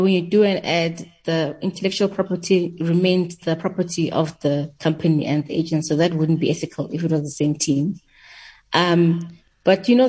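A woman giving candid, measured analysis as an expert guest on a radio show. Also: fairly low pitch, darkish tone, rough recording.

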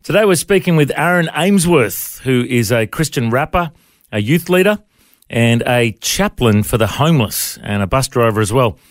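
A man's voice: medium pitch, animated, normal speed, no room sound, studio quality. A man with an Australian accent hosting a conversational interview. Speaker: interview show host.

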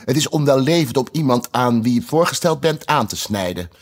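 A man's voice: mid-range voice, lively intonation, fairly quick, close to an everyday voice. A man voicing a commanding, bossy queen in a storybook reading. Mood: imperious. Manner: commanding, curt. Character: imperious, bossy queen, female.

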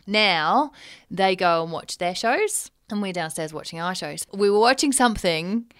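A woman's voice: mid-range voice, animated, a little slow, a bit bright. A middle-aged woman, co-hosting a casual chat and frankly telling stories about her teenage kids. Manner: frank, storytelling, laughs easily. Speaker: podcast co-host.

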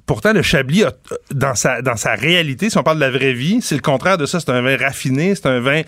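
A man's voice: medium pitch, lively intonation, fast, a bit bright, no echo. A man in his fifties with a Québécois accent, hosting a casual wine podcast and rambling through stories with plenty of restarts. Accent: Québécois French. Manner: rambling, with many restarts and fillers. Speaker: podcast host.

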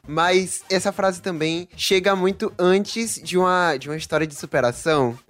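Hosting a relaxed quiz game, this Bahian man from Salvador, Brazil, laughs a lot and speaks with a Bahian Portuguese accent. His voice is high-pitched and fairly bright, at a moderate pace, in a dry recording.

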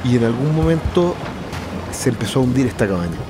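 A man's voice: medium pitch, big pitch swings, over music. A man with a Chilean accent giving personal testimony, often breaking off and restarting his phrases. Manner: halting, restarts mid-phrase. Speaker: interviewee.

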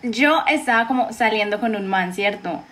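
A woman's voice: fairly high pitch, lively intonation, normal speed, a bit bright. A woman telling a story in casual chat, rambling with fillers.

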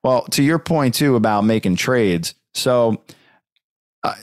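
A man's voice: mid-range voice, lively intonation, slow pace, no room sound, studio quality. A man hosting a casual sports talk show, rambling loosely with lots of fillers and restarts.

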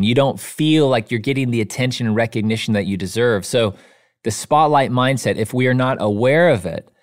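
A man, an author being interviewed, who talks earnestly in a storytelling way and often says "you know". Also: on the low side. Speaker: author and guest. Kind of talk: casual interview chat.

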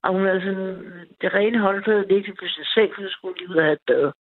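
A woman calling in to a night radio show, telling a personal story in a rambling, eager way with many restarts. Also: mid-range voice. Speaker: caller. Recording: tinny phone line.

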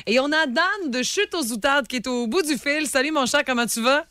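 A woman's voice: high-pitched, brisk, bright, forceful tone, no echo. A woman with a Quebec French accent hosting a radio show in casual chat, laughing often. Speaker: radio host.

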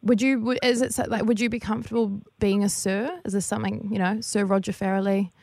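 A woman's voice: medium pitch, steady tone, fast talker, vocal fry, darkish tone, no echo, studio quality. A New Zealand woman playing a polite, earnest government official on a prank radio phone call. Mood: politely businesslike. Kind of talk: semi-formal phone interview.

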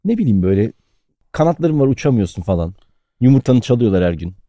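Guy on a comedy podcast, voice jumps all over, mellow tone, talks fast, dry mic. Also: mid-range voice, dry recording. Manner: animated, playful storytelling. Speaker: podcast co-host. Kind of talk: casual comedic chat.

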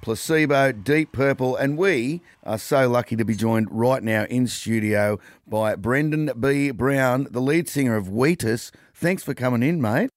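Brief: male radio host, mid pitch, dry close studio sound, easy banter. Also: a little slow, hardly any pauses, no room sound. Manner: friendly, chatty, laughs often. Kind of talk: casual studio interview.

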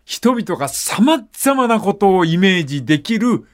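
An older man hosting a casual radio talk segment, reading listener letters and acting out dialect phrases with animated storytelling. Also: sits high, a little slow.

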